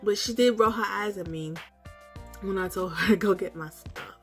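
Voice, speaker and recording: A woman's voice: mid-range voice, moderate pace, fairly bright tone, faint music behind. A woman casually telling a story about a dream, hazy and puzzled, circling back as she guesses at details and acting out her own reactions. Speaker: storytelling vlogger.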